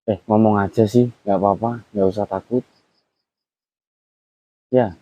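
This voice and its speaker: A man, gently coaxing and questioning on location during a casual vlog about a haunted house. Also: lowish voice, fairly even intonation, measured pace, poor audio. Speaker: vlogger investigating a haunted house.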